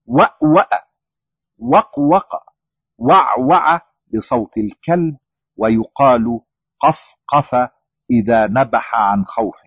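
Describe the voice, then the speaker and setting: Man, slow deliberate lecture reading, lifts each listed word, husky, dull dry recording. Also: mid-range voice, dry recording. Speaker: language lecturer. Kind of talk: scripted reading of a lexical lecture.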